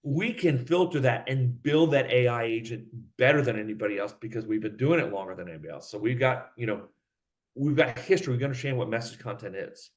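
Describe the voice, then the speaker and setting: A man being interviewed as a company head, talking in an animated, fast way and acting out the voices of people in his stories. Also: mid-range voice. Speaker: guest, company CEO.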